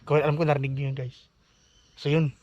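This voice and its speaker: A man vlogging outdoors near a forest, talking in a hushed, uneasy way and urging his companion to leave. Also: a little high, level tone, a little fast. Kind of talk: casual vlog narration. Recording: dull lo-fi phone audio with outdoor noise.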